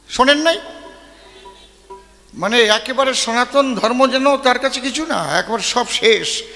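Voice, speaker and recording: Man, folk poet-singer on a stage, gravelly, bright, long reverb. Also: very high-pitched. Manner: rhetorical, teasing the audience with questions. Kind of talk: stage debate speech with rhymes and verses. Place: open-air stage.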